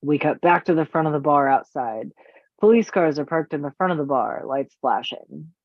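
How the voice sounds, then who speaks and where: A man reads the stage directions in an even, matter-of-fact way. His voice comes over a tinny, phone-like line. The sound is dry, with no room around it. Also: a little high, moderate pace, no room sound. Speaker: narrator.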